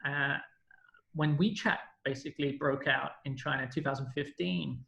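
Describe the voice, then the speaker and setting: In a casual storytelling interview, a thirty-something man from London rambles through his story, correcting himself as he goes. He speaks at normal speed in a mid-range voice with vocal fry and a bright, forceful tone. The audio sounds dull and the room echoes.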